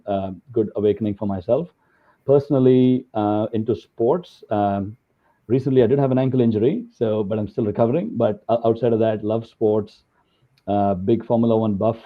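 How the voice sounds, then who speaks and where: A man speaks in a fairly low voice, chatting through his slides with plenty of "um"s and "uh"s. The sound is thin and phone-like, as if carried over a video call line. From India. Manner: filler-heavy, conversational. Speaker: guest speaker. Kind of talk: webinar talk with slides. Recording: tinny phone-like call audio.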